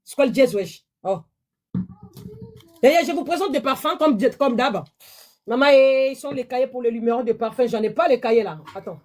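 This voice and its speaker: A woman runs a live-stream sales pitch into her phone. Her voice sits a little high, and she talks in a chatty, repetitive way, often pleading with her viewers. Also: normal speed, darkish tone. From DR Congo.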